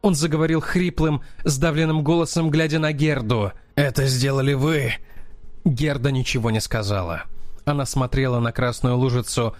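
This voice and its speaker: A man narrating a crime novel as an audiobook in a steady, dramatic reading. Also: mid-range voice, normal speed, no echo. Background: faint music.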